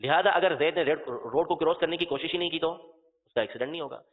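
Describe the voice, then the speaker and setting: A man delivers a religious lesson in a somewhat high voice, walking through his points slowly and patiently. He restates each example and spells out terms letter by letter. The recording is thin and phone-like, with a long, trailing reverb. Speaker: religious teacher. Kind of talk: religious lecture.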